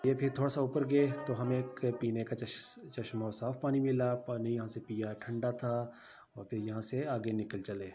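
A man's voice: mid-range voice, fairly even intonation, moderate pace, dark tone, faint music behind. A man giving a casual travel voice-over, chatty and full of route tips for viewers. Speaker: travel vlogger.

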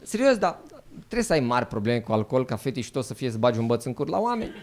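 A man performing a stand-up comedy set, animated and mock-outraged, jumping into quick character voices. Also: mid-range voice. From Romania. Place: live comedy venue.

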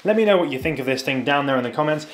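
A man's voice: on the high side, lively intonation, very fast. Chatty man reviewing gear. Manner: chatty, upbeat, speaks straight to viewers. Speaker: fashion reviewer. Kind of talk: casual product review vlog.

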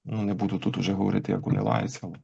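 A man as an interview guest, explaining language history thoughtfully with frequent pauses. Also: fairly low pitch, flat delivery, vocal fry, darkish tone, breathy edge. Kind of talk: conversational interview. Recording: dull lo-fi recording.

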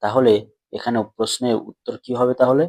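A man teaching a grammar lesson at a middle pitch, patient and steady. He poses a question and then answers it himself, drawing words out slowly as he breaks them into syllables. The recording is dry and close. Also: dry recording. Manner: stretches out words slowly when splitting syllables. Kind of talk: classroom lesson explanation.

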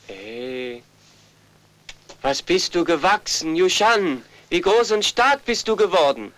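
A meek, fussing older brother. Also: male voice, high-pitched, expressive, takes it slowly, fairly bright tone, slight background noise, exaggerated voice. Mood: overjoyed. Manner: fussing, laughs often, pleading. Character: kind, meek older brother, hiding an injury. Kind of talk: German film dub.

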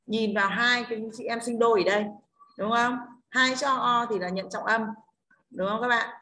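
A woman's voice: a little high, steady tone, normal speed, pushed and bright. A woman English teacher with a Northern Vietnamese accent leading an online class, explaining pronunciation rules step by step and checking in often with her students. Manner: explains step by step, keeps checking with "đúng không?".

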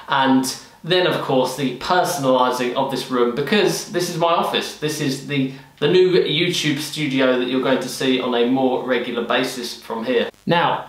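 Chatty young British man in an echoey room. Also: medium pitch. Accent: British English. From United Kingdom. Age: young adult. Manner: chatty and self-deprecating, with quick asides. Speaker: property renovation vlogger. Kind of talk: casual DIY update to camera. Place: half-renovated room indoors. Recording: roomy echo of a bare room.

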